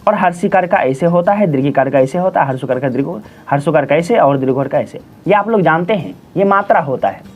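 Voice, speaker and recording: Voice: medium pitch, lively intonation, fast, few pauses. A teacher giving a patient grammar lesson, repeating each definition and answering their own questions while addressing listeners as friends and children. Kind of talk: classroom-style grammar lesson. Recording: dull lo-fi audio with faint music.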